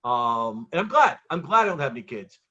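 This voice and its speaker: A man's voice: medium pitch, big pitch swings, fairly quick, pushed and bright, lo-fi sound, a little hiss or hum. A man doing a stand-up monologue of punchy jokes, told as conversational stories with acted-out exchanges in an exasperated, self-mocking way. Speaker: touring road comic.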